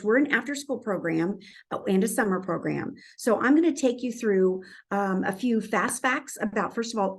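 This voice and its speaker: A woman giving an earnest conference presentation about a youth program, speaking with frequent ums and restarts. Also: medium pitch.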